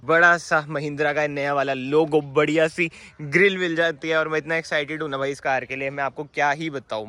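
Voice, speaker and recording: Chatty, excitable young man vlogging. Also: on the high side, no echo. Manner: chatty, excitable, teasing, says "bhai" a lot. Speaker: car vlogger. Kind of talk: casual vlog talk, Hindi-English mix. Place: inside a car and outdoors in a parking lot. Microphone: phone camera.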